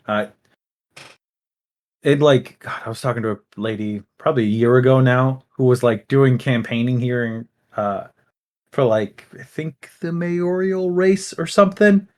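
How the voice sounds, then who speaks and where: A man's voice: medium pitch, animated, moderate pace. Blunt, cursing young man on a podcast. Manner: blunt, swears freely, mimics others. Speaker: podcast co-host. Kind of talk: casual chat.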